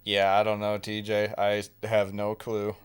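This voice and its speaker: A man's voice: fairly low pitch, completely flat delivery, measured pace, clear, resonant tone. A man hosting a game livestream, chatting casually and joking with viewers and friends. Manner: laid-back, joking, chatty. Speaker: streamer.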